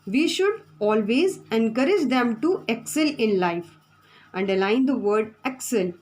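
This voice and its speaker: A woman's voice: on the high side, expressive, measured pace, a little mellow, low-quality recording. A woman teacher, giving a classroom lesson from the textbook, repeating her points and spelling out words.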